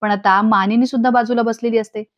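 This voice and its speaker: A woman narrating a recap of a TV serial episode in a brisk, expressive, sympathetic storytelling way. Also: fairly high pitch. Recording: dull lo-fi recording.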